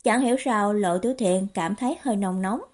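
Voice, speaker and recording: A woman narrating a novel as an audiobook in a steady storytelling manner. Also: mid-range voice, fairly quick. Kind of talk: scripted narration.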